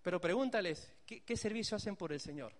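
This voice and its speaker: Male pastor, emphatic sermon, high lively voice, echoey hall. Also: a little fast. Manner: animated, emphatic, addresses the congregation directly.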